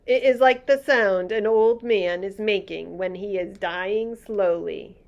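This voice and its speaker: A woman's voice: medium pitch, slow pace, creaky, dull audio. A woman voicing a big friendly old male giant who talks earnestly in muddled grammar. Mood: solemn.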